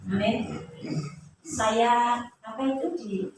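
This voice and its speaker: A woman preacher, giving a passionate sermon that swings between soft talk and loud, half-sung phrases. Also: a little high, slow pace, noisy background. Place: large church hall. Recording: very echoey church hall, from far off.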